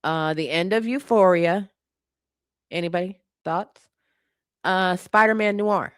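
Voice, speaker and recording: Here a livestream host reacts to viewer comments in loose, unscripted chat, colloquial and sassy with strong opinions. The voice sits at a medium pitch. The recording is clean studio sound with no room ambience.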